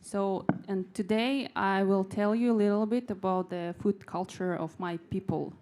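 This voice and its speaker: A woman from Russia giving a conference presentation, speaking haltingly with many fillers and friendly restarts. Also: mid-range voice, fairly even intonation, darkish tone. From Yakutia, Russia.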